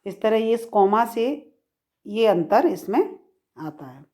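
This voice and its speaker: Woman, middle-aged Hindi teacher, unhurried delivery, lifts her voice for verse examples. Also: lively intonation. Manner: slow, deliberate explaining, repeats key phrases; recites verse examples higher and louder. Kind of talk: grammar lesson.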